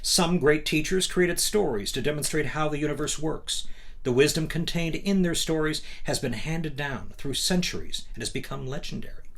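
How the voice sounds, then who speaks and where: This host reads a motivational book aloud in an emphatic, instructive way, adding conversational asides and rhetorical questions. His voice is a little high and fairly bright, with vocal fry, at a moderate pace.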